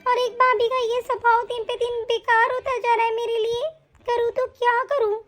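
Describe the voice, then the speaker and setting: Woman doing a hurt young mom in a cartoon, pleading, really high voice. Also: little pitch movement, normal speed, fairly bright tone, soft background music. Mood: sad. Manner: pleading, defensive. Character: young new mother staying with family, hurt, defensive. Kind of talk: animated story voice acting.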